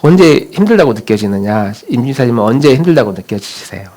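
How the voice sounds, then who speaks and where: A man's voice: medium pitch, animated, quick pace, darkish tone. A man preaching a sermon as pastor in a church, talking conversationally and putting questions straight to the congregation.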